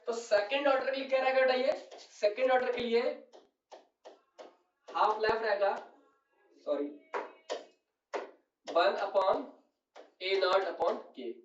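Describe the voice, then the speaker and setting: A man's voice: extremely high pitch, recorded from a distance, slight background noise. A male chemistry teacher, explaining a lecture at the board and checking again and again that his students follow. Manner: addresses students as "beta", keeps asking "clear?". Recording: echoey room, voice off-mic, dull sound.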